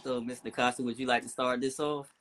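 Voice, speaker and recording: A man hosting a chat on a video call, easygoing and drawn-out with uh fillers. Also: medium pitch, flat delivery, fairly bright tone. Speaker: host.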